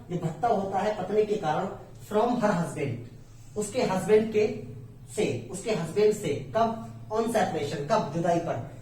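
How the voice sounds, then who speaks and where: A woman with an Indian accent gives an online English lesson, speaking Hindi with English words mixed in. Her voice sits a little low and sounds dark and mellow. She is recorded far from the mic in a very echoey room. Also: a little hiss or hum. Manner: explains slowly in Hindi with English words, often asks and repeats. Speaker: English teacher.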